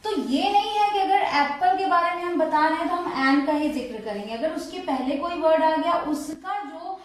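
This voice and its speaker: A woman's voice: very high-pitched, normal speed. A woman teaching an online grammar lesson, explaining step by step and quizzing viewers with questions as she goes. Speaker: English teacher. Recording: echoey room.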